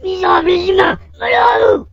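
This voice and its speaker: An actor voicing a servile, menacing alien henchman in an animated short. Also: very high-pitched, fairly quick, raised voice, lo-fi sound, noisy background. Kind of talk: cartoon villain acting.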